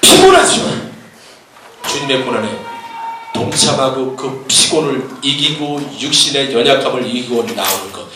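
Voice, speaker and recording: A male pastor of medium pitch and moderate pace delivers an emphatic sermon in a church sanctuary, firing rhetorical questions at the congregation. The sound is distant and echoey, with background noise.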